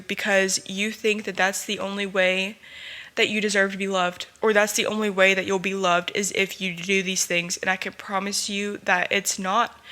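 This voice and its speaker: Bright-voiced young woman, earnest and emotional. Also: mid-range voice. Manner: earnest, emotional, tearful at times. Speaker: podcast host. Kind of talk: personal podcast monologue.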